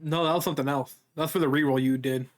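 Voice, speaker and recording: A man's voice: on the high side, fairly even intonation, fast. A man narrating as game master of a casual tabletop game, laughing often between rulings.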